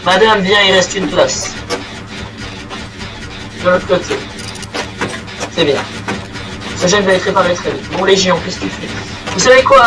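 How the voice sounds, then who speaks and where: A young man giving crude, excitable commentary while he plays a game, swearing often. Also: sits high, distant mic, low-quality recording. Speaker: gaming video creator. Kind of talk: playing commentary. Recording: voice set back from the mic, game music behind.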